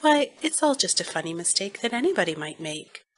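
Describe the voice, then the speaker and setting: A woman playing a kindly, gentle minister's wife with a soothing manner in an audiobook dramatization. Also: medium pitch, big pitch swings, fairly quick. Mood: comforting. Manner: soothing, reassuring.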